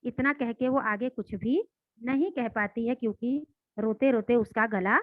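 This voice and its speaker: A woman's voice: fairly high pitch, a little slow, no room sound. A woman teacher retelling and explaining a story in a lesson, asking rhetorical questions. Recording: dry, tinny phone-like sound.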